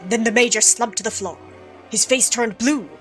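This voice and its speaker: A woman's voice: a little high, normal speed, fairly bright tone, faint music behind, close to an everyday voice. A woman voicing a courteous young male Spanish prince with a put-on Spanish accent, reading game dialogue aloud in a formal, flowery way. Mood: storytelling.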